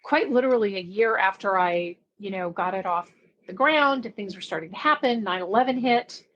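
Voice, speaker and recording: A chatty middle-aged woman talks as a guest on a podcast, relaxed and easy to laugh. Her voice sits at a middling pitch for a woman. She lets her sentences fade off quietly at the ends. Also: moderate pace, lo-fi sound. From Belgium. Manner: chatty, laughs easily, trails off softly at phrase ends. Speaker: podcast guest, book marketing expert. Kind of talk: casual interview chat.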